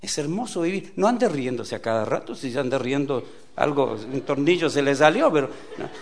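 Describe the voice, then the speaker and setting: A man preaching a sermon, with rhetorical questions to the audience and a delivery that swings from loud exclamations to quiet asides. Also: mid-range voice, expressive, moderate pace, gravelly. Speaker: pastor.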